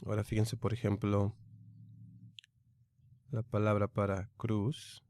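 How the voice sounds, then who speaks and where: Man, Greek lesson teacher, unhurried careful delivery, repeats sounds, dry close sound. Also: on the low side, completely flat delivery, a little mellow, no room sound. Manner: slow, deliberate, repeats each sound aloud. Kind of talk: recorded online lesson.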